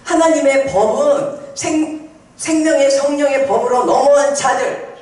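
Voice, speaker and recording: A woman pastor giving a sermon with a personal testimony, telling her story in an animated, conversational way. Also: sits high, measured pace. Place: prayer house hall. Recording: echoey hall, speaker far from mic.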